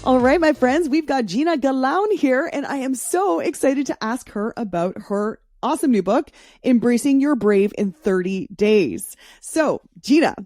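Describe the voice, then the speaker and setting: With a high, lively voice at normal speed and a slightly mellow tone, a woman runs her podcast in a chatty, informal style, swearing as she pleases. She does a casual solo intro and an interview chat. The recording is dry.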